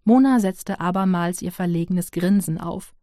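A woman narrating a fantasy audiobook in an even, measured storytelling manner. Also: fairly low pitch, no echo, studio quality. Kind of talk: scripted narration.

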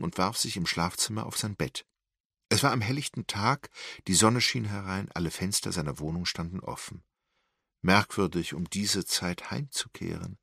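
Deep husky guy reading a crime audiobook, lively pitch, dry close sound. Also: no echo. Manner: measured, dramatic storytelling. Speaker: audiobook narrator. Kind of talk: scripted narration of a crime novel.

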